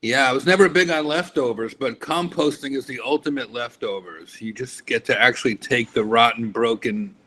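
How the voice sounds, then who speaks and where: A man, a roast comedian trading deadpan one-liners and quick jabs in casual banter. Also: medium pitch, low-quality recording.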